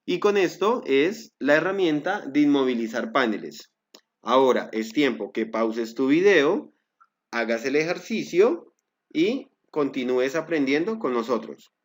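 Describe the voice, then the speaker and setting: A man teaching a step-by-step software tutorial, guiding viewers with frequent fillers and self-corrections. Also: mid-range voice, expressive, unhurried. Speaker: Excel instructor. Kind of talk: screen-recorded software tutorial.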